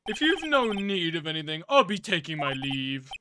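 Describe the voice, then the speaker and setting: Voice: mid-range voice, sing-song, moderate pace, noisy background, pitched below the performer's own voice, close to an everyday voice. A performer voicing a male hotel bellboy in a video game, prim and discreet, with stilted, servile formality. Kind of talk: dramatic video game read-aloud with character voices.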